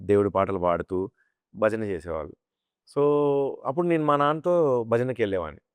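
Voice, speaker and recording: A man, a mimicry artist, telling animated stories about his life and slipping into imitated voices. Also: on the low side, fairly quick, clean tone, no echo. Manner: animated storyteller who slips into chanting and imitated voices. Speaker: mimicry artist, interview guest. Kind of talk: casual interview storytelling.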